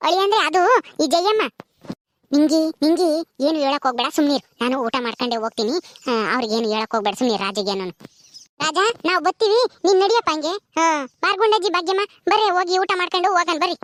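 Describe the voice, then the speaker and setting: A woman's voice: very high-pitched, expressive, fast talker. A woman playing an outspoken middle-aged village woman in a family drama, scolding and telling people what to do. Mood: explaining. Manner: scolding, protective, commanding.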